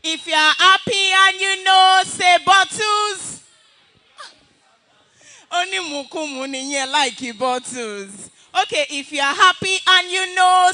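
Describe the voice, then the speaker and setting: A Nigerian woman co-hosts an event with a piercingly bright, very high voice. She leads call-and-response chants close on the mic, with a dry sound. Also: dry recording. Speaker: event co-host. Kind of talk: leading crowd call-and-response.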